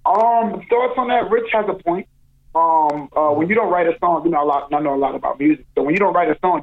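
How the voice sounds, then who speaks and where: Man talking over a tinny phone line. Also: a little high. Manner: loose, repetitive, says "you know what I'm saying" often. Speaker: guest calling in. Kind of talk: casual interview chat. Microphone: telephone.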